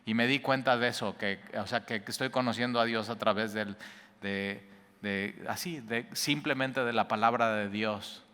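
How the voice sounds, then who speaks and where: Mexican male pastor, bright clear voice, casual animated preaching, long church-hall reverb. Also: fairly low pitch, moderate pace. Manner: casual and animated, colloquial asides, acts out little quoted reactions. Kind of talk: conversational sermon.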